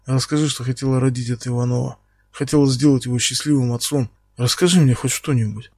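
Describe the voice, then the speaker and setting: A man voicing a menacing male captor who speaks slowly and quietly, taunting his victim. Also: mid-range voice, fairly even intonation, slightly rough, dry recording, studio quality. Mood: quiet menace. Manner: slow, quiet, taunting, bursts into shouting.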